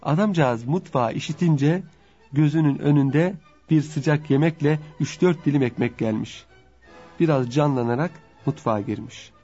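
A man reading humorous folk anecdotes aloud in a lively storytelling manner, voicing the characters' dialogue as he goes. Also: fairly high pitch, moderate pace, slightly rough. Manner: lively telling, voices the dialogue. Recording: dull lo-fi with faint music.

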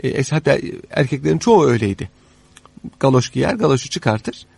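A man explaining history in conversation as an expert guest, haltingly, pausing mid-sentence and rephrasing as he goes. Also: mid-range voice, sing-song, vocal fry, darkish tone, husky, no echo. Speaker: interviewed guest, expert on old Istanbul.

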